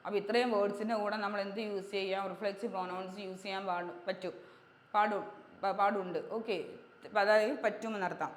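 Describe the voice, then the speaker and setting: A woman English grammar teacher, drilling points over and over and checking understanding with quick questions. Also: mid-range voice, fairly even intonation. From Kerala, India. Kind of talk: exam-prep grammar lesson. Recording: echoey room with long reverb, faint hiss.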